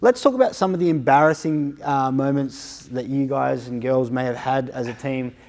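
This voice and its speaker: A man's voice: medium pitch, moderate pace, a little mellow. Playful man hosting a gym chat. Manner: playful interviewer. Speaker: podcast host. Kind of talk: casual chat.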